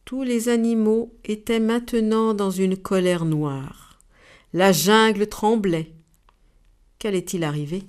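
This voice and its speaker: A woman reading a children's story aloud in an expressive, unhurried way. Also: mid-range voice, clean tone.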